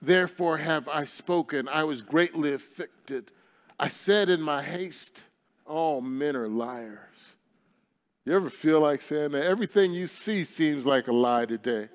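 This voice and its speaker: A man's voice: a little high, a little slow. A man preaching a sermon at a live worship night, building in fervent, repeating bursts. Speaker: pastor.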